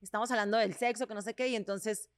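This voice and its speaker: A woman's voice: medium pitch, steady tone, fast, no room sound. A woman, co-hosting a casual chat, playful and talkative. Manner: playful, chatty, mixes English words.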